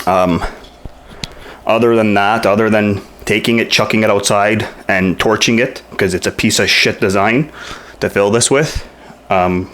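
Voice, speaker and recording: Winded after throwing punches, a man reviews a product casually in a hardwood-floored room at home. His voice is lowish and a touch bright, and his tone is frank, blunt and mildly exasperated.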